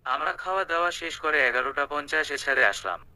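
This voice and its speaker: Brief: young male narrator for a romance audiobook, very bright, crisp and dry, casual storytelling tone. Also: a little high, lively intonation, fairly quick, no echo, poor audio. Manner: conversational, colloquial storytelling.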